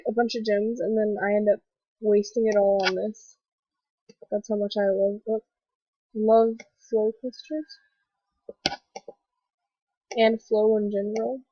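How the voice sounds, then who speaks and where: A young woman with a stuffy cold voice hosting a casual gaming commentary vlog, rambling excitedly with lots of fillers. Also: fairly high pitch, dry recording. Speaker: gaming video host. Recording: dull lo-fi voice recording.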